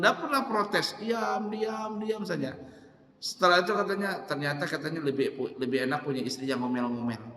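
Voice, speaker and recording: Guy preaching a chatty jokey sermon, slightly high voice, big echoey hall. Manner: animated, jokey, repeats phrases. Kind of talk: casual storytelling sermon. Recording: echoey hall with long reverb.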